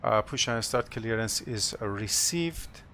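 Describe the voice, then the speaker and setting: Low, gravelly male pilot, non-native English. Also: expressive, sharp tone, a little hiss or hum. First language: not English. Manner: halting, procedural, with short clipped phrases. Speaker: airline pilot, captain. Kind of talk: cockpit procedure narration, checklist callouts and announcements.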